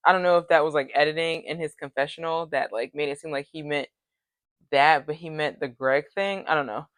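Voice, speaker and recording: A woman's voice: low-pitched, steady tone, fairly quick, no room sound. A woman recapping a reality show in a casual, chatty vlog, with lots of "like" and retold dialogue. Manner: chatty retelling, full of "like" and quoted dialogue.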